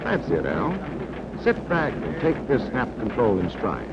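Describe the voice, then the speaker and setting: 1940s training film narrator guy, instructive, really animated, old noisy soundtrack. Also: lowish voice, a little slow, vocal fry, lo-fi sound. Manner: instructive, coaching.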